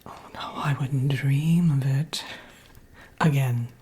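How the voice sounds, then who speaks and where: A woman voicing a prim, fussy witch villainess in a breathy, hesitant ASMR whisper, chatting and gently scolding up close. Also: a bass voice, takes it slowly. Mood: chatty, musing. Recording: audible background noise.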